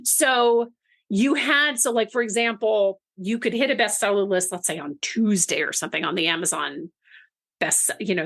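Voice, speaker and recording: A woman's voice: mid-range voice, fairly bright tone, no echo. Chatty woman podcast co-host, dry close sound. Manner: chatty, self-correcting, laughs easily. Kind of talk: casual podcast chat.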